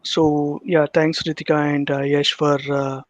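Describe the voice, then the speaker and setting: A man giving a technical presentation on a video call, pausing often on fillers. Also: a little high, level tone, no echo. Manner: halting, many filler pauses. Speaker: guest speaker. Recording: dull lo-fi call audio.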